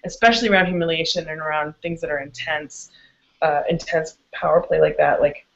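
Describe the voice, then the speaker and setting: A guest expert answering interview questions frankly, with quick laughs, profanity and frequent restarts. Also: female voice, deep voice, steady tone, gravelly. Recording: dull lo-fi audio.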